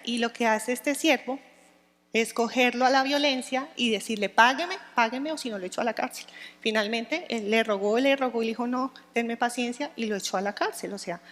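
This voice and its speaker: Woman teaching Bible study in a hall. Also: fairly high pitch. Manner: conversational, checks in with listeners. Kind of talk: Bible teaching to a women's group.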